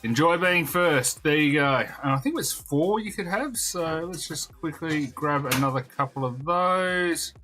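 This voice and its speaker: A man with a hoarse, fading voice, chatting casually on a game live stream and greeting viewers as he plays. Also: a little high, unhurried, few pauses, pushed and bright, soft background music. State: hoarse, losing his voice.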